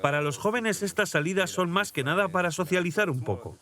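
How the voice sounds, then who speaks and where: Documentary dub: man as a young prince, calm and reflective, voice on the high side. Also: a little fast. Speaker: dubbed interviewee voice-over.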